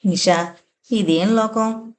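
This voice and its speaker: A woman's voice: mid-range voice, slow, slight background noise, lightly acted. Woman reading as an entranced young man pleading. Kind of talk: audiobook character voice.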